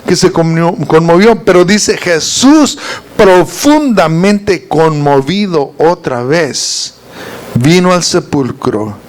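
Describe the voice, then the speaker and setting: A man's voice: fairly high pitch, expressive, takes it slowly. A man leading an informal Bible study, reading verses aloud and quizzing his listeners with rhetorical questions. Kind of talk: informal Bible teaching to a group.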